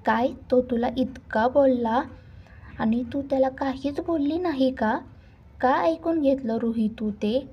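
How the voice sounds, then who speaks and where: A woman voicing a lively, teasing young woman who looks out for her friend in a read-aloud story. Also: high-pitched, unhurried, husky, dull audio, full character voice. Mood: worried. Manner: teasing and protective.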